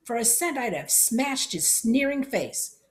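A woman voicing a burly, angry shopkeeper who shouts and blusters. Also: fairly high pitch, sing-song, a little slow, pitched above the performer's own voice. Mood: firm.

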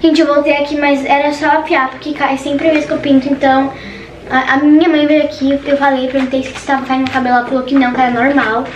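A teenage girl with a high voice talks nervously and nonstop to her viewers. She sounds like she is in an echoey bedroom. Household noise is clearly audible behind her. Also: level tone, quick pace, far from the mic. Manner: nervous, chatty, says "gente" constantly. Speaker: vlogger. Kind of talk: casual vlog chat. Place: bedroom at home. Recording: echoey room with background noise.

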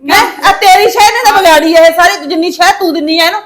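A scolding, taunting mother in a family drama, played by a woman. Her voice sits very high and the words tumble out quickly. She needles everyone around her. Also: a bit bright. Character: sharp-tongued meddling mother-in-law figure, woman. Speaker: visiting mother of the daughter-in-law.

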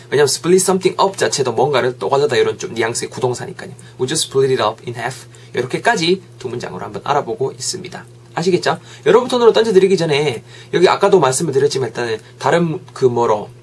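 Slightly husky man teaching English. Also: on the high side. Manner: slow, drawn-out English example sentences; checks in with listeners often. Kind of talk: casual English lesson.

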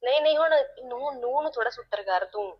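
A bossy friend, played by a woman who rattles off firm advice over the phone in a web drama. Her voice is high and quick, coming through a dull, lo-fi line. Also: lively intonation. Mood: advising. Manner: bossy, advising.

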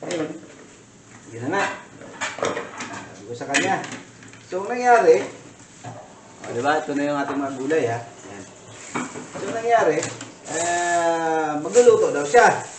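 A Filipino man rambles casually through a cooking story, full of fillers and asides. His voice sits a little high and comes from some distance off the mic. The kitchen is roomy and echoey, with clicks and clatter heard behind him. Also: sing-song, unhurried, pauses often, background noise. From Philippines. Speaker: cooking vlogger.

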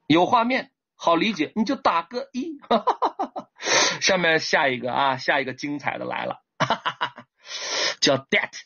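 A man teaching English vocabulary in a livestream lesson, animated, often asking viewers to type one to show they understand. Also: slow, creaky, long pauses, breathy edge. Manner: lively with sudden high exclamations. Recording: dull lo-fi stream audio.

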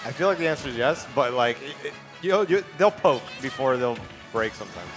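A man giving relaxed, casual live esports co-commentary. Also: medium pitch, fairly quick, over music.

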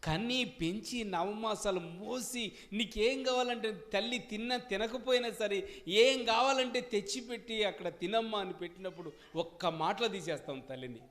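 A man preaching a sermon as pastor to his congregation, swinging between loud emphatic questions and quieter asides. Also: sits high, moderate pace. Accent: Telugu. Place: church service.

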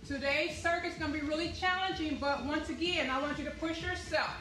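Leading a workout with counts and quick motivational cues, this young aerobics instructor speaks in a high, bright, forceful voice at a brisk pace. She's captured by a camera or phone a few steps off in a medium-sized activity room with a hard floor, where the sound echoes and faint music plays in the background.

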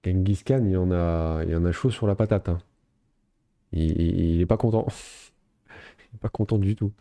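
Man, let's play commentator, low gravelly voice, dark dry close sound, relaxed thinking aloud. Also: normal speed, no room sound. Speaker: gaming video host.

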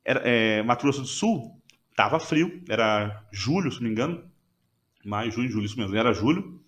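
A man's voice: medium pitch, lively intonation, brisk, fairly bright tone. A man, a podcast guest, earnestly retelling a personal testimony with emotion and frequent restarts.

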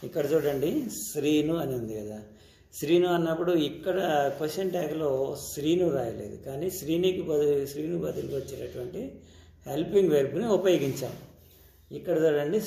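A man's voice: a little high, lively intonation, brisk, creaky, mellow, echoey room. A man with a Telugu accent teaching English grammar step by step, checking in with his students as he goes. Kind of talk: classroom-style grammar lesson.

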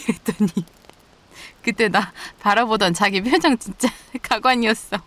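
A woman's voice: medium pitch, measured pace, a bit bright. Woman, whispered role-play girlfriend, affectionate, teasing, giggly. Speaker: ASMR role-play performer.

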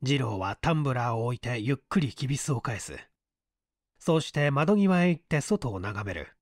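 Working as an audiobook reader, a man narrates mystery fiction from a script in a dramatic manner. His mid-range voice has lively intonation at a normal speed, recorded in studio quality with no room sound.

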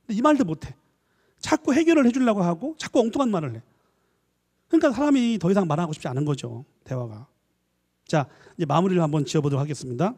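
A man, a professor, giving a lively church lecture, acting out little dialogues and coaxing his listeners. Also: high-pitched, fast talker, slightly rough. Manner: animated, acts out dialogues, coaxing the audience. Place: church hall. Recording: long hall reverb.

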